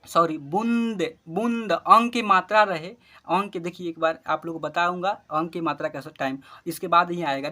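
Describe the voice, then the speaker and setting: A man's voice: high voice, pushed and bright. A man teaching an online reading lesson for children, reading word lists aloud one by one, correcting his slips and checking that the class follows. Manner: patient, checks understanding with the class. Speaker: Hindi teacher.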